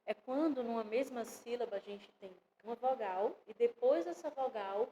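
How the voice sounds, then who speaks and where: A woman's voice: on the high side, moderate pace, warm tone, slight background noise, low-quality recording. Brazilian woman teaching a grammar lesson. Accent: Brazilian Portuguese. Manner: explains step by step, often checks in with "né?" and "tá vendo?". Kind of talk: online grammar lesson for children.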